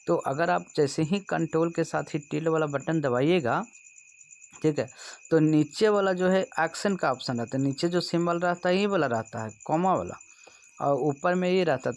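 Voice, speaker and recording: A man from India with a Bihari accent teaches computers in an exam-prep lesson, his voice fairly high and a little mellow. He explains instructively and keeps checking that his students follow.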